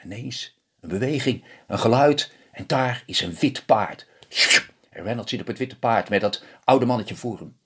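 A man telling a fairy tale, animated, with hushed dramatic pauses. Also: mid-range voice, slightly rough. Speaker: storyteller.

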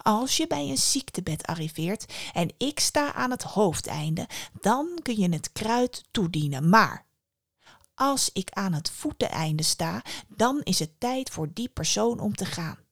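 A woman voicing Mother Death, an ancient stern female spirit, speaking in a hushed, often whispered, lowered voice. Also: expressive, a little slow, creaky, no echo, studio quality.

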